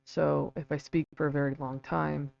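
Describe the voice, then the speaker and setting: A man with vocal fry giving a casual, halting livestream explanation, often checking in with a quick "right?" or "okay". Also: fairly high pitch, level tone. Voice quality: vocal fry from an old vocal cord injury. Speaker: livestream host and researcher. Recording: dull lo-fi mic with faint hum.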